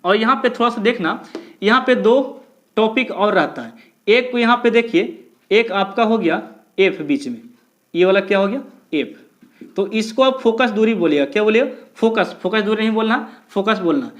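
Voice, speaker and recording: A man giving a physics lesson, who keeps asking the class questions, answers them himself, and repeats key terms slowly. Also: high-pitched, lively intonation, fairly bright tone. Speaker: physics teacher. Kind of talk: blackboard lecture.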